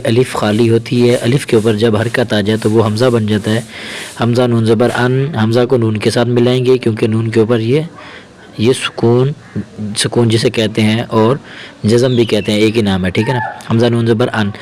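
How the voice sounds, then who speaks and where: A man's voice: medium pitch, a little mellow. Patient man teaching letter by letter. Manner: slow, patient spelling-out of letters, often checking "ٹھیک ہے؟". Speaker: Quran reading teacher. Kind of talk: step-by-step Quran reading lesson.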